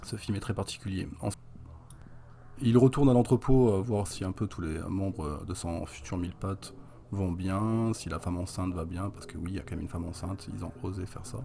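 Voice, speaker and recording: A man's voice: sits low, steady tone, moderate pace, vocal fry, mellow. A young adult man casually recapping a horror film for a review, chatty and wry, with many fillers.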